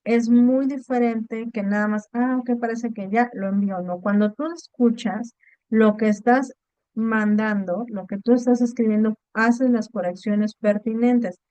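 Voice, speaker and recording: A woman's voice: a little high, steady tone, measured pace, mellow, no room sound. A woman teaching an online class, explaining patiently and checking in with her students often. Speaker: online course tutor. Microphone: video call.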